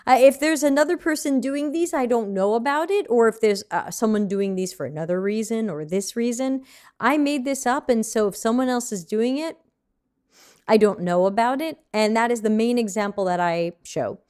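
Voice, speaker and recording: A woman's voice: fairly high pitch, moderate pace, a little mellow, clean tone. An American woman teaching a live online design lesson in a chatty, conversational way, answering viewer questions as she goes. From United States.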